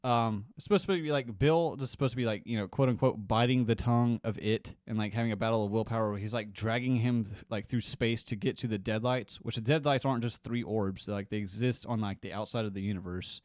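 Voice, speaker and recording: A man's voice: fairly low pitch, brisk, hardly any pauses, a little mellow, no echo, clean studio sound. A young man co-hosting a podcast, talking casually and swearing freely in long rambling runs. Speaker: podcast co-host. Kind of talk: casual chat.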